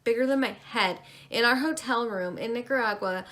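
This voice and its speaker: A woman's voice: a little high, normal speed, a bit bright. A woman in her twenties from Maine, chatting casually and rambling animatedly as a beauty vlogger. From Maine, USA. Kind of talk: casual chat.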